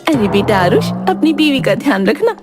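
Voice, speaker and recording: Woman playing a cartoon mother-in-law, middle-aged, sarcastic, taunting, lively high voice, music underneath. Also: moderate pace. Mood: mocking. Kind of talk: cartoon voice acting. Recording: voice over background music.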